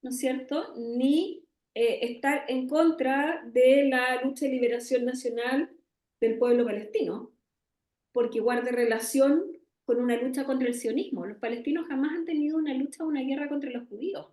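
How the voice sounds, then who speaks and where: High-voiced Chilean woman, echoey room. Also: fairly even intonation, dark tone. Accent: Chilean Spanish. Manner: earnest, tag questions, many pauses. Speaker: guest. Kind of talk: conversational interview, explaining.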